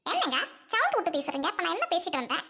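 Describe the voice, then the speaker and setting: A woman playing a shrill, defiant young bride. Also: wildly swooping pitch, racing, pushed and bright, soft background music, exaggerated voice. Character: sharp-tongued young bride, defiant and quarrelsome. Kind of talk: Tamil audio drama acting.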